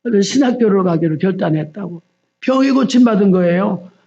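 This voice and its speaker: A woman's voice: medium pitch, lively intonation, brisk, creaky, dark tone, breathy edge, muffled recording. A woman evangelist preaching at a dawn prayer service, telling stories and acting out the pleas of the people in them.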